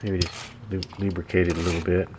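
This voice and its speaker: Over a noisy background, a man talks through a repair job at his indoor workbench in a flat, deep voice. He's a hobbyist fixing radios, and his narration comes out casual and halting, as if he's musing to himself while he works.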